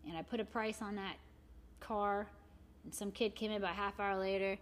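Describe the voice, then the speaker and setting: A woman's voice: medium pitch, fairly even intonation, a little fast. A woman in her forties, a shop owner and arts volunteer, chatting casually as a guest and rambling with many "you know" fillers. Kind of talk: casual conversation.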